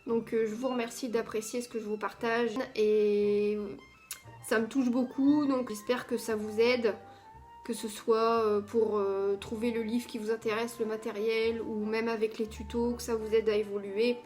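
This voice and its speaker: A woman's voice: on the high side, flat delivery, moderate pace, a little mellow, faint music behind. A woman presenting her coloring books in a casual haul video, chatty, with many hesitant fillers. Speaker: coloring book vlogger.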